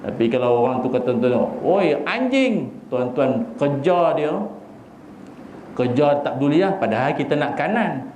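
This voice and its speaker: A man with a Malaysian accent giving a humorous sermon, animated and joking as he acts out little scenes. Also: medium pitch, moderate pace, slight background noise. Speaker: preacher. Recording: echoey hall with faint ambience.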